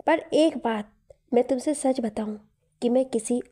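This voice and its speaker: A woman's voice: fairly high pitch, unhurried, mellow. A woman voicing a playful young man who teases his childhood friend, in a storybook reading. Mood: teasing. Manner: playful, teasing.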